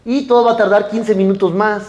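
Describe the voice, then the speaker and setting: Animated high-voiced rabbi preaching. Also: male voice, fairly quick, dull audio. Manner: animated storytelling, acting out dialogue, addressing the audience directly. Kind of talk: sermon.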